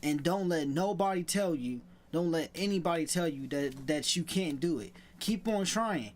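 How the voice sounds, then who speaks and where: High-voiced man who stutters a little. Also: animated. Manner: stutters now and then, halting restarts. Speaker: guest. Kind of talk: casual conversation.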